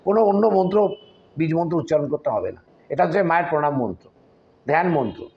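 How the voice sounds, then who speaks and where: A man, a tantric practitioner, gives spiritual advice in a forceful, warning tone and slowly chants Sanskrit mantras. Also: a little high, animated, lo-fi sound.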